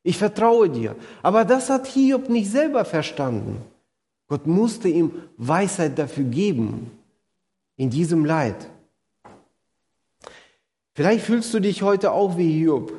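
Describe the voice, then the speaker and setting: A man's voice: fairly high pitch, very animated, takes it slowly, long pauses, mellow. A man preaching a sermon, earnestly speaking straight to his listeners and retelling stories vividly. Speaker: pastor. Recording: long hall reverb.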